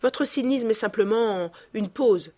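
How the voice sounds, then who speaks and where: A woman's voice: a little high, measured pace, dark tone, pitched above the performer's own voice. A woman voicing Basil, an anxious young painter. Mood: earnest.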